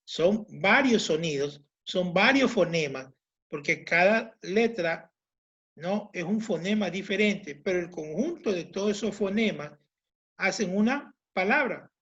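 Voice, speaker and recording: A man's voice: high voice, lively intonation, a little slow, a bit bright, lo-fi sound. A man teaching a language class, explaining patiently and repeating his points with everyday examples. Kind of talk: online class lecture.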